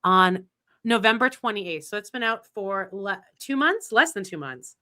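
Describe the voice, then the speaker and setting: A podcast co-host with a mid-range voice chats about pop culture, animated but at a measured pace, her tone pushed and bright. She rambles enthusiastically, restarting sentences often and leaning heavily on "like."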